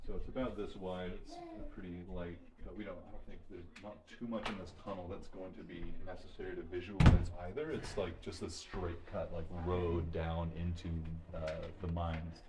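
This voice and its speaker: Casting: low-voiced male game master, loose and rambling, noisy mic. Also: moderate pace, hardly any pauses. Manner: relaxed, rambling, many fillers. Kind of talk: narrating a tabletop game.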